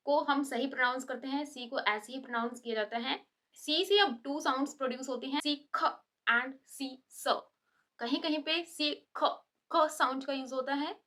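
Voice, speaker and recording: A woman teaching letter pronunciation, slowly stretching out example sounds as she explains. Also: high voice, sharp tone. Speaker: English teacher. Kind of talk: Hindi-English lesson explanation.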